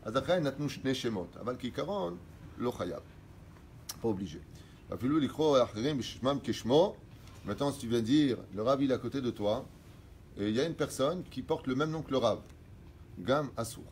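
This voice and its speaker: Middle-aged rabbi teaching religious law. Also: male voice, medium pitch, expressive, a little mellow, a little hiss or hum. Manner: reads Hebrew sources quickly, then explains in French.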